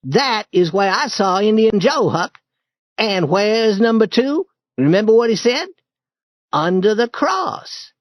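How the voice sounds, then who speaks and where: A man voicing an eager, bold boy who leads an adventure in a storybook reading, in a lively and urgent manner. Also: high-pitched, slow, dry recording, voice pushed up, heavily acted. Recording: dull dry lo-fi recording.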